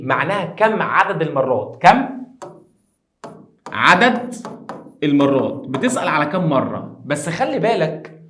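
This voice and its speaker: Egyptian guy teaching english, high voice, swoops up and down a lot, teases the kids. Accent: Egyptian Arabic. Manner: animated, teasing, talks to students directly. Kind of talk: lively classroom explanation.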